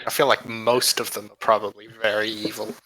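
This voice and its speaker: A man's voice: lowish voice, level tone, fairly quick, pushed and bright, low-quality recording. A man playing a tabletop game, making casual, joking remarks to the group.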